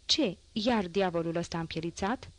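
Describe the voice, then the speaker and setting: A woman reading the part of a furious, stooped old woman who scolds and shouts. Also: on the low side, no echo, natural voice. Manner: angry, scolding.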